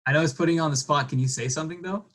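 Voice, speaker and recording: Teasing co-host with wry asides. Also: male voice, on the high side, rapid-fire, fairly bright tone. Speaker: podcast co-host. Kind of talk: casual chat.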